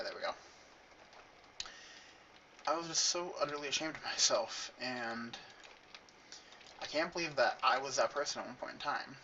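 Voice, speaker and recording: This casual confessional monologue comes from a young man with a lisp whose mid-range voice is bright and forceful; he rambles earnestly and mocks himself in asides while vlogging from his gaming computer room. A dull, far-off mic adds faint hiss.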